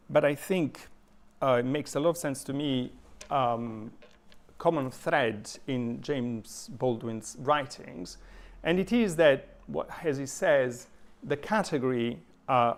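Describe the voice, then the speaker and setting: An Italian-accented man lectures in a thoughtful, halting way, often pausing with fillers and restarting his sentences. His voice has a gravelly edge at a middling pitch, and he reads quotations aloud as he explains them. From southern Italy. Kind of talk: adult education lecture.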